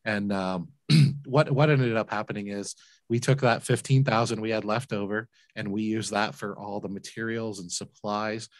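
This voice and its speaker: At normal speed and with a steady tone, this man's voice runs on the low side, free of room sound. A laundromat entrepreneur and business owner in his forties, he's a guest on a video call interview, telling his story with earnest emphasis and repeating words when moved. He's in a home room indoors, using a large desk mic and headphones.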